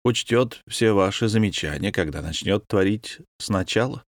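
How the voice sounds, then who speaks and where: A man's voice: lowish voice, normal speed, no echo, clean studio sound, close to an everyday voice. A man voicing a jovial navigator. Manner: jovial, reassuring. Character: good-humored male navigator, admiring and joking.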